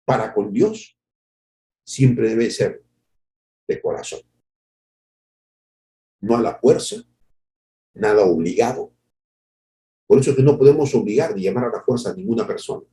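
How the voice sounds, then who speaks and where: Passionate Spanish-language pastor, dark voice. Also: male voice, measured pace, pauses often. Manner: emotional preaching, acts out voices of others; swings between soft low murmurs and loud high cries. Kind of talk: devotional sermon.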